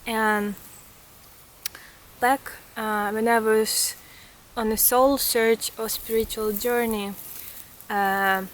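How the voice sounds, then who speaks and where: Her voice a little high and level, a woman in her thirties draws out her words and pauses often as she speaks earnestly and reflectively to camera. She's a vlogger and artist with a Ukrainian accent, filming casually outdoors in a forest, with slight background noise.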